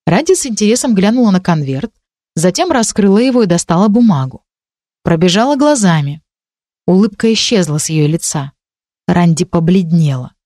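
A woman narrating an audiobook in a measured, expressive way. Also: fairly low pitch, dry recording, clean studio sound.

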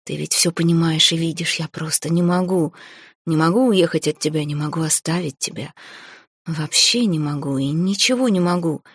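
A woman's voice: deep voice, moderate pace, husky, no room sound. A woman reading the lines of a stubborn young male bodyguard in an audiobook, in a terse, subdued way. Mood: weary. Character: young man, guarded bodyguard, brooding and stubborn.

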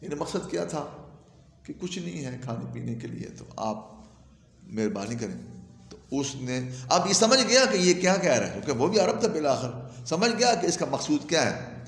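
A man teaches Arabic grammar in lecture style, weaving in a story as he recites Arabic phrases and explains each one. His slightly high voice rises and falls with lively swings. The sound carries a long, roomy reverb, as if recorded in a large hall. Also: creaky. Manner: animated storyteller who recites Arabic phrases and then glosses them. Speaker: religious teacher.

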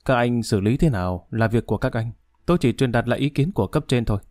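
A man's voice: mid-range voice, lively intonation, fast talker, darkish tone, no echo, studio quality, close to an everyday voice. A man voicing a cold court official. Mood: formal.

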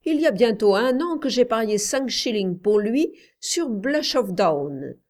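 A man's voice: sits high, sing-song, measured pace, a little mellow, pitched above the performer's own voice, exaggerated voice. Woman voicing a male groom, deferential, chatty, storybook reading, slightly raised voice. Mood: eager.

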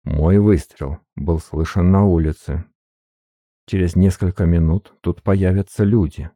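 A man voicing a suave, weary older privy councillor in an audiobook, slow, measured and courteous. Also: low voice, fairly even intonation, mellow, dry recording, studio quality. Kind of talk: audiobook character reading.

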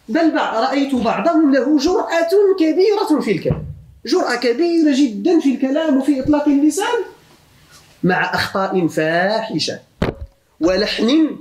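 A man's voice: very high-pitched, darkish tone, roomy sound, slight background noise. A man with a Moroccan accent teaching grammar in a classroom lecture, often putting questions to his students and mixing formal speech with dialect. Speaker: religious teacher of Arabic grammar.

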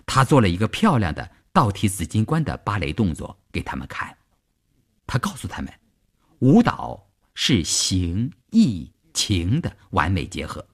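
Expressive male radio storyteller. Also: sits low, unhurried, breathy edge. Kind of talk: scripted long-form story narration.

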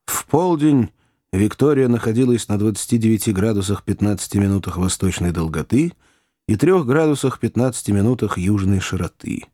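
Low-voiced man narrating an audiobook. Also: no room sound, clean studio sound. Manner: even, descriptive storytelling.

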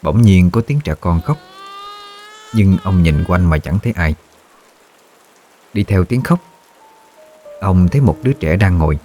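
A man reads a ghost story aloud in a measured, somber voice. His voice is very low and deep, and he keeps a steady storytelling pace. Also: soft background music. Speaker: narrator. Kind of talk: scripted horror story narration.

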